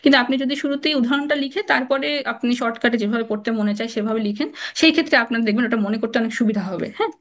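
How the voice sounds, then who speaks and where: A young woman teaching pronunciation rules in a live lecture, chatty and quick, often checking in with her students. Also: a little high, fairly bright tone. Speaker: online exam-prep teacher.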